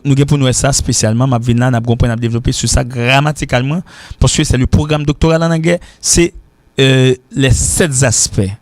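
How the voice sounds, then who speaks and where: Haitian guy teaching english, says words over n over slow, mid voice, dead dry sound. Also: mid-range voice, no room sound. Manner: repeats words slowly to drill pronunciation. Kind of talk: informal lesson mixing French and Creole.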